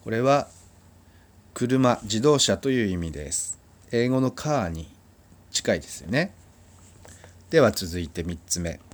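A man's voice: lowish voice, animated, measured pace, long pauses. A man teaching a language lesson, explaining patiently and drilling sounds for listeners to repeat. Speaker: Spanish teacher.

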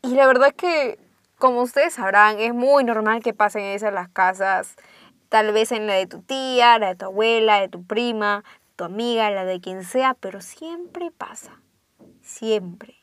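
A young woman, casually telling a ghost story and dropping to hushed tones for suspense. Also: fairly high pitch, moderate pace, clear, resonant tone, no room sound.

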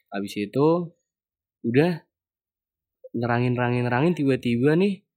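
A young man recounting a personal story in casual, chatty storytelling. His voice sits in a middle pitch, and the sound is dry and close. He drops into low, muttered asides between beats. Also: darkish tone, no echo. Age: young adult. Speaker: university student.

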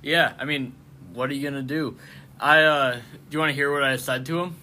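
A man's voice: mid-range voice, fairly even intonation, fairly quick, sharp tone, a little hiss or hum. A man with a lisp hosting a casual podcast chat, joking and laughing often. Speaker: podcast host.

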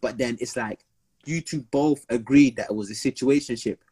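A man's voice: mid-range voice, normal speed, mellow, slightly rough. A young man with a London roadman accent telling stories casually in slang, repeating himself and acting out quotes. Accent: London urban slang (roadman). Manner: slangy, repetitive, acts out quotes. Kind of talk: casual storytelling banter.

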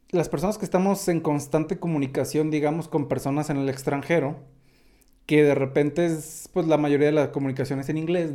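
A man's voice: fairly high pitch, warm tone. Chatty Mexican man on tech news. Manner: chatty, digressive, many fillers like "o sea". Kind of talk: casual tech news commentary.

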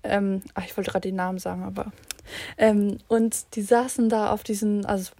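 A woman's voice: medium pitch, steady tone, moderate pace, mellow, no room sound. A teenage girl rambling casually to her listeners in a slangy way, slipping in English words. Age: teens. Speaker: vlogger.

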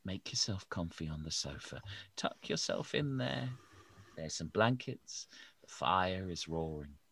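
Man doing a gentle teacher, hushed and raised in pitch, husky, dry. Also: huge pitch swings, normal speed, heavily acted. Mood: soothing. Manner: soft, hushed. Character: kind calm schoolteacher, softly welcoming.

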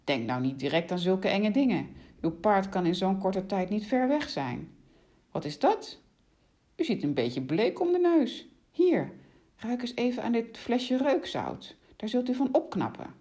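A woman's voice: mid-range voice, very animated, unhurried, warm tone, voice pushed up. A woman voicing a sly, bossy witch who coaxes and pushes in a mock-polite way. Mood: coaxing. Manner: coaxing, pushy, mock-polite.

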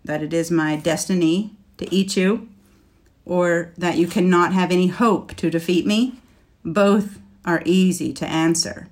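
A woman doing a huge, menacing storybook dragon who sneers at everyone, his voice low and deliberate. Each word comes slow and heavy with contempt, pressed out with extra force. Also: steady tone. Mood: scornful. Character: proud scornful male dragon, huge and menacing. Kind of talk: storybook reading.

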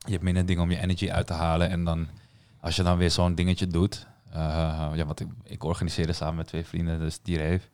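Young man, podcast host, easygoing slangy banter, low smooth voice. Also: fast talker, hardly any pauses. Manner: relaxed, slangy, peppered with "nice" and "man". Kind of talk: casual football podcast chat.

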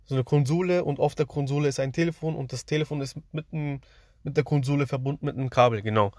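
A young man recounts strange dreams to his audience in a loose, slangy, rambling way. His voice sits a bit high for a man. The recording is dry and close, with no room sound. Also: quick pace, dry recording. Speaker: streamer. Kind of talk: casual storytelling to viewers.

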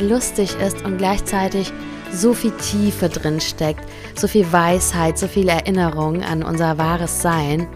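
Slow, soft-spoken woman storyteller. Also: fairly low pitch. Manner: soft, heartfelt, unhurried. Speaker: podcast host reading a story. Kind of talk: calm storytelling narration.

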